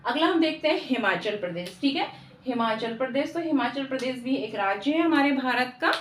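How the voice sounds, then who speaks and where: Woman teacher for exam prep, high voice, echoey room, drills answers by repeating them. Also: recorded from a distance, slight background noise. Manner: repeats questions and answers, frequent "theek hai".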